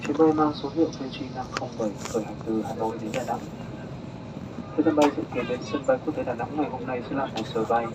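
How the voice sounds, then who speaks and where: A man's voice: medium pitch, fast. A man from the cabin crew reading a formal, scripted flight attendant welcome announcement. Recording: dull cabin speaker, loud aircraft noise. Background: loud aircraft cabin noise.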